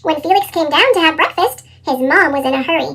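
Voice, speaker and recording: Woman storybook reader, chipmunk pitch-shift effect, extremely high, bright, animated read-aloud. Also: fast. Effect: sped-up chipmunk pitch shift.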